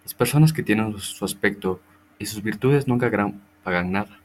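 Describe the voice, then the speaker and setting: A man voicing a smooth-talking male army recruiter in a storybook reading, flattering and persuasive. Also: on the low side, moderate pace, close to an everyday voice.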